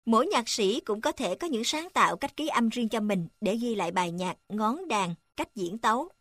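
A woman narrating a lesson, reading textbook passages in an even, measured way. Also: a little high, dry recording, studio quality. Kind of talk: read-aloud textbook narration.

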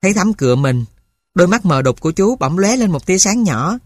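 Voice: medium pitch, sing-song, a little fast, no echo, studio quality. A narrator reading a sad wartime story aloud in a somber, emotional way. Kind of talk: dramatic audiobook narration.

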